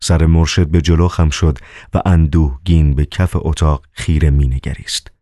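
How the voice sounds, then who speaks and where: A man narrating a novel as an audiobook in a measured, calm way. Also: a bass voice, no room sound, clean studio sound.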